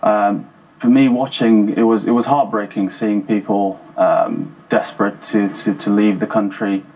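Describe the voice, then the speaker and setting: A man in his thirties, originally from Afghanistan, speaking as a guest in a TV studio interview. He talks haltingly, with repeated words and fillers, into a lapel mic. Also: on the low side, steady tone, a little mellow, husky, muffled recording. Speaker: former paratrooper guest. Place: TV studio sofa.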